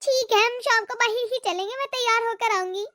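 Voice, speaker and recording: A woman's voice: extremely high pitch, a little fast, bright, forceful tone, dry recording, studio quality. Woman doing a spoiled, whiny cartoon girl. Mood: pleased. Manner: complaining, whiny.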